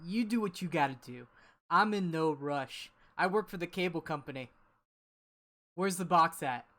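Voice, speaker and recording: A brusque cable company repairman, as an actor plays him, shrugging off every request in an offhand way. The voice sits in an ordinary middle pitch. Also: moderate pace, fairly bright tone, natural voice.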